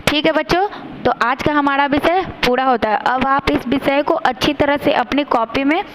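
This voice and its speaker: A woman teacher giving a grammar lesson to children, saying each sound slowly and carefully, stressing the difference between letters. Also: high voice, a little hiss or hum, poor audio.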